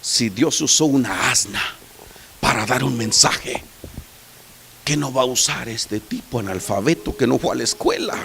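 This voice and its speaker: A male pastor preaching a sermon, swinging from soft asides to loud shouted peaks. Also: mid-range voice, very animated, normal speed, vocal fry, slight background noise.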